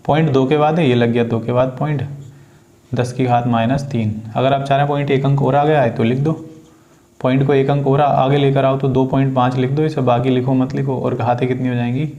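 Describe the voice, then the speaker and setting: A man's voice: mid-range voice, little pitch movement, fairly quick, dark tone. Male tutor, mid-range voice, patient step-by-step classroom explainer. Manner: patient, addresses students as beta, asks and answers own questions. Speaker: physics teacher. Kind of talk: classroom problem-solving lesson.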